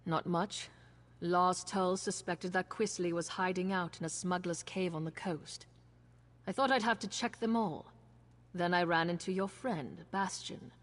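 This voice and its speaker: A woman's voice: lowish voice, a little slow. An actress playing a wary, practical woman gambler in a video game, speaking in a dry, matter-of-fact way. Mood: guarded. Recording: long reverb, faint noise.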